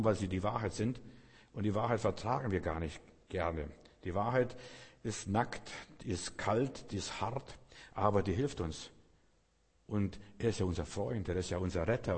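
A man delivers a sermon in an earnest, direct way, speaking straight to his listener. His voice is low and husky. The sound rings with a long reverb. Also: normal speed, a little mellow. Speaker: preacher.

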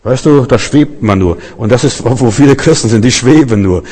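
A man's voice: medium pitch, moderate pace, mellow, husky. A man preaching a sermon emphatically, addressing listeners directly. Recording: long hall reverb.

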